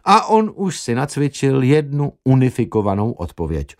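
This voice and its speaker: A man reading an audiobook aloud with wry, expressive storytelling. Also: mid-range voice. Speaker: audiobook narrator. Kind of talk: scripted narration.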